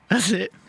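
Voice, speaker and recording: A man co-hosting a casual podcast, jokey and quick to laugh, swearing freely. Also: bright, forceful tone. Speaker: podcast co-host. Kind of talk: casual chat.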